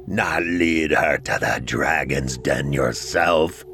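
A man voicing a stern dead father with a gravelly, booming, accusing voice. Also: slow pace, background noise, heavily acted.

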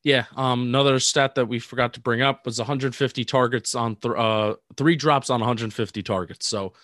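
A man's voice: medium pitch, steady tone, fairly bright tone, no echo, studio quality. Man reeling off football stats. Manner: reels off statistics, measured. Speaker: podcast co-host. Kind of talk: casual sports analysis chat.

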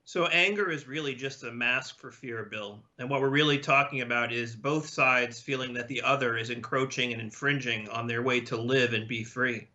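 A man's voice: medium pitch, moderate pace, few pauses, bright, forceful tone, highs cut off. A man appearing as a psychiatrist guest, giving an explanatory answer in a remote interview.

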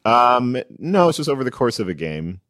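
A man's voice: medium pitch, very animated, moderate pace, a bit bright, dry recording, clean studio sound. A man in casual chat, patiently explaining sports rules and laughing easily.

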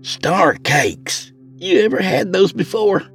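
A man's voice: sits high, animated, takes it slowly, faint music behind, pitched above the performer's own voice, full character voice. A man voicing a blunt, food-obsessed young woman in jail who gripes and wheedles. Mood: wheedling. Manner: complaining, wheedling.

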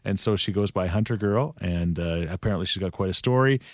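Low male voice, dry studio sound, radio host doing a contest promo, morning show. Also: a little fast, no room sound. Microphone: studio radio microphone.

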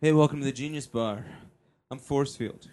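A man's voice: medium pitch, fairly quick, mellow, lightly acted. A man playing a dismissive, spaced-out tech store attendant in a comedy script, brusque and casual. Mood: dismissive, wired.

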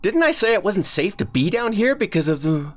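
An angry, frightened father bellows down a dark stairwell, as the narrator puts him on. His voice is pushed high and strained, the words slow and heavy. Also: sing-song, full character voice. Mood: angry yell. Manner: yelling, then hushed horror. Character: stern father, shocked and scared.

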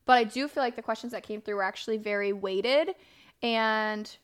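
A woman's voice: a little high, moderate pace, clear, resonant tone. Candid woman hosting a podcast. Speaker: podcast host. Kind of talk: casual, confessional podcast talk.

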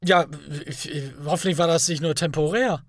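High-voiced man in casual podcast chat. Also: normal speed, no room sound, studio quality. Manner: earnest, argues his point at length. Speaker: podcast co-host.

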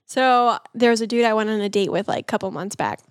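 A woman's voice: mid-range voice, fast talker, clear, resonant tone, dry recording, studio quality. A woman in her late twenties telling dating stories in a casual chat, full of "like" fillers. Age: late 20s. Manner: chatty storytelling with constant "like" fillers. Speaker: podcast co-host.

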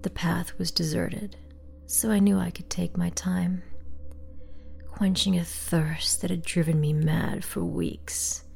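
A woman narrating a first-person horror story in a hushed, breathy whisper. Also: on the low side, fairly even intonation, slow pace.

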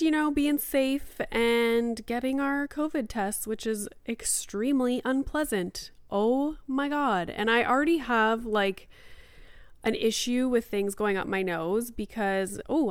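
Clear-voiced, slightly nasal woman chatting on a podcast. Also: fairly high pitch, dry recording, studio quality. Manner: chatty, informal, peppered with "like". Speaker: podcast host. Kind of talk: casual solo podcast chat.

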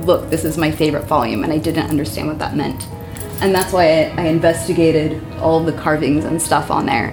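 A woman, the tenant of the house, telling a personal story in a rambling, earnest way with many restarts. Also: sits low. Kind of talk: casual interview storytelling.

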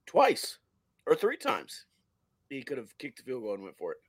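A man hosting a casual football talk show, his voice hoarse, raspy and strained. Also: mid-range voice, huge pitch swings, moderate pace, no room sound, studio quality. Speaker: sports show host.

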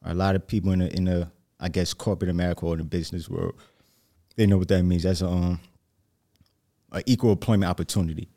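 Male, low-pitched, Brooklyn accent, slangy and casual conversational delivery, interview guest feel. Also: steady tone, fast talker, mellow. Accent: Brooklyn New York. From New Jersey, US. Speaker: hot seat guest, aspiring motivational speaker.

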